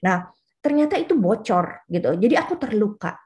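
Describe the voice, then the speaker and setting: A woman's voice: medium pitch, big pitch swings, moderate pace, a little mellow. A woman in her late forties, a pastor giving a chatty, personal youth fellowship sermon with frequent fillers. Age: 40s.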